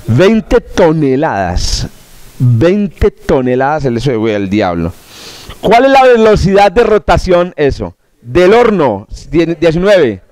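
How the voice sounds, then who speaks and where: A man with a high voice runs a classroom quiz review. He jokes, wanders off topic and stumbles into restarts. His voice comes through dry and close, with no room sound. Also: a little mellow, dry recording. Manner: joking, digressive, with stammered restarts. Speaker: astronomy course instructor.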